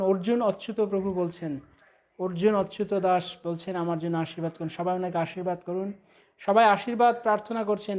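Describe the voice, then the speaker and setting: Fervent high-voiced man preaching. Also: dull audio. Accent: Bengali. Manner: breaks into slow melodic chanting of hymn verses; fervent, rising loud and high on ecstatic phrases. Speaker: preacher leading an online class. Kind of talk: devotional sermon with sung verses.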